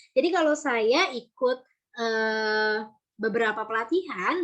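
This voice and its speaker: Brief: animated woman storytelling coach, fairly high voice, casual workshop delivery with quick voice demos. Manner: lively, demonstrates voices and intonations. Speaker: storytelling trainer.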